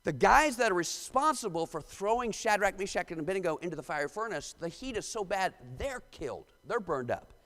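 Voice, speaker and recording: A man's voice: high-pitched, animated, brisk, few pauses, fairly bright tone. A male pastor with a Midwestern American accent, preaching a sermon and reading scripture aloud with emphasis. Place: church sanctuary. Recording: long church hall reverb.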